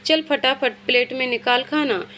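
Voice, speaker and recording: A woman's voice: sits high, normal speed, fairly bright tone, slight background noise. A woman voicing a worried, loving older mother in a storybook reading. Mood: motherly.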